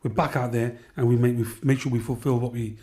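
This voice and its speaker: Man, quick talker, practical, explaining aid work. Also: mid-range voice, fairly even intonation, mellow. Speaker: aid worker guest. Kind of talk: interview reflection.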